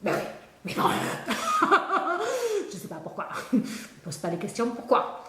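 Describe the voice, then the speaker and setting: A woman's voice: high voice, huge pitch swings, takes it slowly, pushed and bright. A woman doing a comedic spelling lesson, rambling to an imagined pupil, trailing off mid-sentence and laughing at herself. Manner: scatterbrained, rambling, talks to an unseen student, trails off and laughs. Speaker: comic spelling tutor. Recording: echoey room with faint noise.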